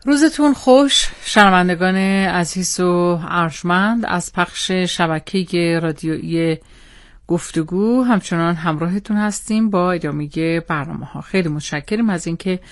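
A woman's voice: on the low side, dry recording. A female radio announcer giving a polite, formal station announcement into a close studio mic.

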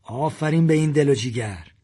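A man voicing a menacing armed man who shouts and sneers threats, husky-voiced. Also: fairly high pitch. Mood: sneering.

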